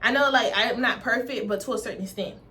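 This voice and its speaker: A woman in her twenties with a stuffy nose, chatting to camera in fast, slangy talk. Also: a little high, bright, forceful tone. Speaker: vlogger. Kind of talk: casual chat to camera.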